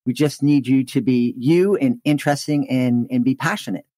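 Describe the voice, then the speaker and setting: A man's voice: medium pitch, normal speed, warm tone, no room sound, clean studio sound. A man with an American accent talking as a podcast guest, telling anecdotes conversationally and acting out quotes. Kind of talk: conversational interview storytelling.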